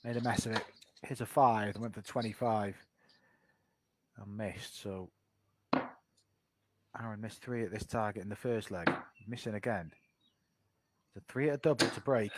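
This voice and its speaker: A man's voice: on the low side, normal speed, pauses often. A man giving live sports commentary on a darts match. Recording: very noisy live stream sound.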